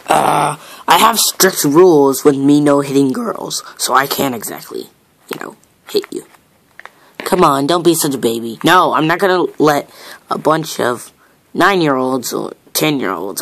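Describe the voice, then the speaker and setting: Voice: medium pitch, gravelly, a bit bright. A performer voicing an irritable red bird leader in an improvised cartoon puppet show, grumbling casually and hesitantly.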